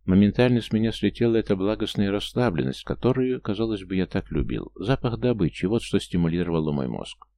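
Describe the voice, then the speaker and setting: A man's voice: fairly low pitch, expressive, a little fast, few pauses, mellow. A man narrating a first-person story in a dry, wry manner. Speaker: audiobook narrator.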